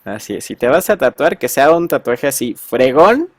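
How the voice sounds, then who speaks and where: A man's voice: medium pitch, animated, fairly quick, no echo. Mexican guy, a teacher just chatting w his class, slangy, lots of fillers, dry close sound. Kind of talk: casual chat with students.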